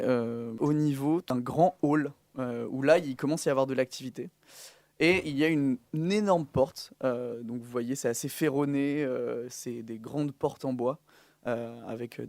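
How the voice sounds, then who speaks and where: A man's voice: medium pitch, dark tone, no echo, studio quality. A man narrating a tabletop game as game master, improvising in hesitant, piecemeal phrases.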